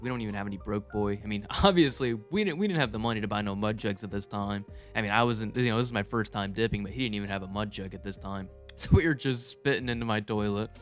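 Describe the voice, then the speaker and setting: A young man telling stories casually to viewers in a rambling, amused, profanity-laced way with lots of slang. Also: lowish voice. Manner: amused, chuckling at own tales. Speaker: storyteller video creator. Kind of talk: casual storytime monologue.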